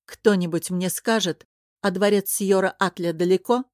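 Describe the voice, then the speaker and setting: A proud young princess, voiced by a woman reading the book, sharp-tongued and short on patience, her questions edged with sarcasm. Her voice sits in an ordinary middle register and is recorded dry, with no room around it. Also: mid-range voice, fairly even intonation, normal speed, no echo, lightly acted. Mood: sarcastic. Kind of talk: audiobook character voice.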